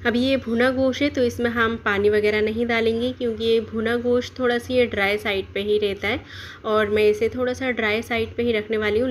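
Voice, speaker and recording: A woman narrates a home cooking video in a steady, instructional way, walking through each step and offering alternatives. Her voice sits at an ordinary middle pitch for a woman. A faint hum of room ambience stays behind her. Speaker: cooking channel host.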